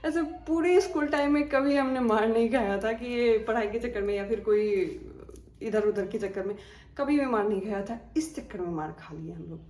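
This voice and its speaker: A woman's voice: on the high side, normal speed, darkish tone. A young woman telling a horror story from her school days in a casual, dramatic way, acting out the dialogue. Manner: chatty, dramatic, acts out quoted dialogue. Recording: echoey room with faint ambience.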